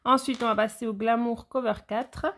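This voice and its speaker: Woman, nail educator, casual haul vlog, gravelly fry, chatty and hesitant. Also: fairly high pitch, fairly even intonation, normal speed, a bit bright. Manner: chatty, addresses viewers directly, frequent hesitations.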